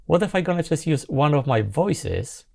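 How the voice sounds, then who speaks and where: Gravelly and fairly high-pitched, with a sing-song lilt, a non-native English-speaking host in his forties eagerly but haltingly demonstrates a synth plugin. The small home studio setting is filled with loud synthesizer music behind his voice.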